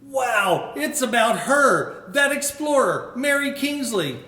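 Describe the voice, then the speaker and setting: An excitable little schoolchild, bold and restless, with a high, lively voice that bursts out loud, as a man reads it aloud. Eager exclamations ring in a roomy space, giving a storybook feel. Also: slow pace, exaggerated voice. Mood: amazed. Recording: roomy echo.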